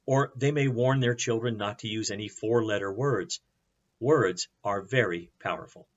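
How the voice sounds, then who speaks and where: A man preaching as a pastor, teaching in an earnest, measured way with rhetorical questions. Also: fairly low pitch, muffled recording. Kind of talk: sermon.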